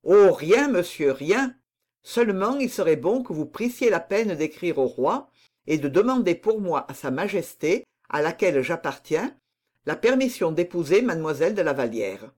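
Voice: medium pitch, very animated, moderate pace, darkish tone. A reader voicing a passionate young nobleman in love, speaking in an earnest, pleading way in an audiobook. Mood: eager. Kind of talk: audiobook reading of dialogue.

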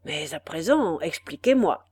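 Old nobleman prisoner, grave and weary, storybook reading by a woman, slow, dry sound. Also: deep voice, very animated, a little mellow, husky, dry recording, heavily acted.

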